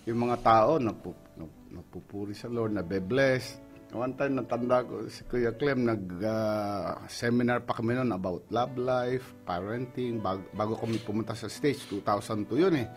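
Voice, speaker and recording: A man's voice: medium pitch, normal speed, faint music behind. A middle-aged Filipino man, a pastor, giving an earnest personal testimony in Tagalog mixed with English. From Philippines. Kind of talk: emotional testimony on a radio program.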